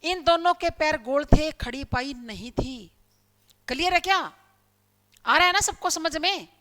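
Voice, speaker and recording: A woman teacher delivers a lecture with a high voice. Her tone is bright and clear. She explains each point step by step, often posing a question and then answering it herself. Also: expressive, unhurried. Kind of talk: classroom lecture.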